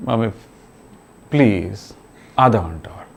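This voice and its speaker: A man's voice: lowish voice, expressive, slow pace, vocal fry, darkish tone, a little hiss or hum, pitched below the performer's own voice, full character voice. A man doing a sleepy whiny teenage boy. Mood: pleading.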